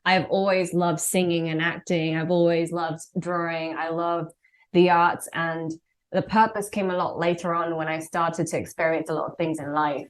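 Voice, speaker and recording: A woman's voice: fairly low pitch, little pitch movement, normal speed. A woman who is a singer and songwriter, talking thoughtfully and earnestly as a podcast guest. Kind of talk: casual podcast interview.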